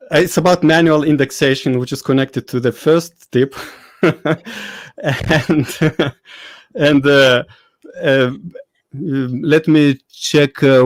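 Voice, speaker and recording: A man's voice: medium pitch, no echo. A man with a Lithuanian accent hosting a live webinar, chatty and hesitant, with many fillers and laughs. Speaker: host. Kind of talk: casual live webinar chat.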